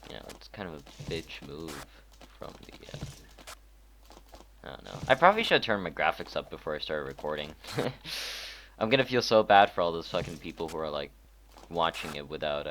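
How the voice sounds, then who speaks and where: Young dude swearing a lot while he plays, low voice, kinda rambly. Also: animated, fairly quick, background noise. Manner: profane, rambling, self-deprecating. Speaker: gamer. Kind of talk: casual gameplay commentary.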